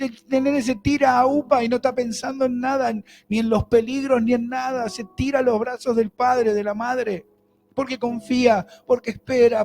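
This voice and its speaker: A man with a Rioplatense Spanish accent and a very high-pitched voice preaches as a pastor. His sermon is conversational, and he poses questions to the congregation.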